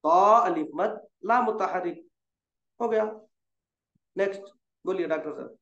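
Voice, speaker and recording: A high-pitched man tutors Quran reading, drawing out each letter and coaxing his student along. His voice sounds roomy and a little dull, like a lo-fi call. He corrects gently and repeats until it sticks. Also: unhurried. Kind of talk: patient tutoring over a call.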